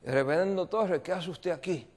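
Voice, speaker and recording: A man's voice: high-pitched, moderate pace, darkish tone, pitched above the performer's own voice. A male preacher voicing a brusque middle-aged husband who answers with curt disbelief. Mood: incredulous. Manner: incredulous, curt.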